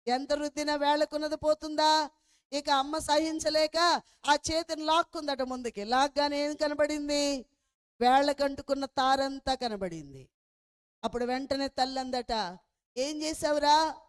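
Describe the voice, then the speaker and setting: A woman preaching in a story-led sermon, her voice high and clear. She asks her listeners question after question and calls them beloved children of God. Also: normal speed.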